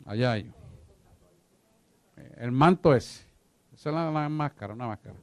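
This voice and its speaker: A man's voice: medium pitch, lively intonation, moderate pace, a little mellow, dry recording. A man teaching a church discipleship class, emphatic and repetitive, often asking if his listeners follow him. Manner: emphatic, repeats himself, asks listeners if they follow.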